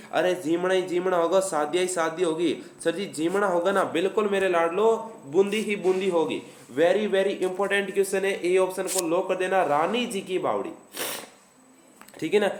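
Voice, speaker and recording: Teaching a live online class for exam preparation, a Rajasthani-accented man says his lines more than once and voices the students' responses on his own. He has a high voice, heard in a reverberant space.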